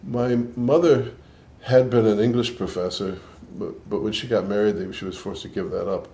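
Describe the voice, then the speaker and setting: An older man from Boston, a scientist, recounts his life in an interview with an accent that mixes Boston and New York speech. His voice is on the low side and a little mellow at a moderate pace, and his reflective answers are thoughtful with frequent restarts.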